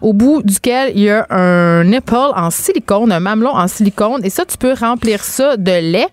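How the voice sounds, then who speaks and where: A woman's voice: medium pitch, lively intonation, moderate pace, no echo, clean studio sound. A middle-aged woman with a Québécois accent, talking as a commentator in a casual debate, emphatic and rambling. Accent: Québécois French. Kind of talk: casual talk show debate.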